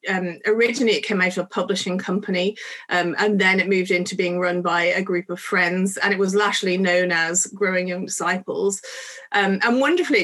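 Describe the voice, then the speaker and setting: A Dublin Irish woman in her forties speaks as an interview guest. Her voice sits a little low. She talks earnestly and conversationally, often pausing on "um". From Ireland. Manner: warm, earnest, frequent "um" fillers. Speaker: guest, ministry director.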